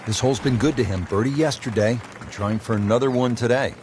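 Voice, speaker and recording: A man's voice: mid-range voice, fast, darkish tone, slight background noise, close to an everyday voice. A man playing a composed, admiring television golf commentator calling a scripted sports broadcast. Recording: crowd and music behind broadcast voice. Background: crowd ambience and music.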